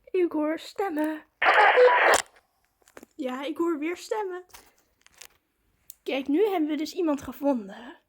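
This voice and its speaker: In a very noisy recording, a female vlogger with a high voice speaks slowly and pauses often. She keeps things informal and chatty, walking her viewers through what she's doing in the moment.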